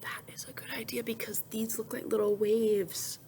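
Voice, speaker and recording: This woman's voice sits on the high side, and a little hiss or hum runs under the recording. Like a teacher, she reads a picture book to small children with lively expression, breaking off for questions she answers gently and for asides.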